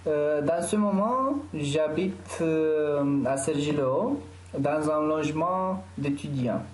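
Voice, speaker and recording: Romanian guy, slow halting intro full of ums, echoey room. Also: fairly high pitch. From Bucharest, Romania. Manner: halting, constant filler sounds. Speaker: doctoral student. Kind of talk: self-introduction.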